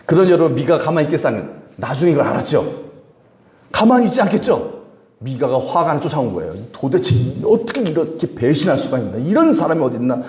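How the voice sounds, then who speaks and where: A male pastor preaching at a Friday prayer service, animated, acting out the people he quotes and chuckling often. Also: on the high side, fast, echoey room. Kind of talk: sermon. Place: church sanctuary.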